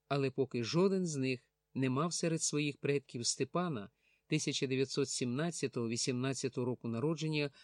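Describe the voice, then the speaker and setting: A man reading a novel aloud in measured, even narration. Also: medium pitch, no echo, clean studio sound. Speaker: audiobook narrator. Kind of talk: scripted narration.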